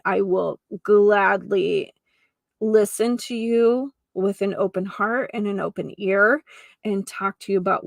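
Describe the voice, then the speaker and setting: This host of a solo holistic healing podcast, an energy healer and geomancer, addresses listeners with earnest, effusive emphasis on key words. She has a medium-pitched, gravelly voice, captured with clean, dry studio sound.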